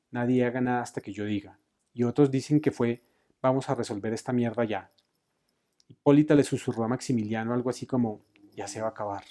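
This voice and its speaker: A man reading a novel aloud expressively, raising his voice for shouted lines. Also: mid-range voice. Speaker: book reader.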